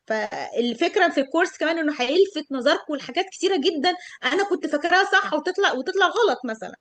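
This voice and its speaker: Brief: middle-aged woman, Egyptian Arabic accent, high voice, patient pronunciation teacher who slows down on example words. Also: a bit bright, no room sound. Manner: drawn-out model words. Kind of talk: online pronunciation lesson.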